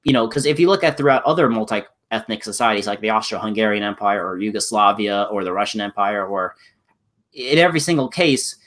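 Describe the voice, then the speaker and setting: A man's voice: fairly low pitch, fairly quick, a bit bright. A man in a casual political discussion, rambling with many restarts and fillers. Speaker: channel host in a discussion.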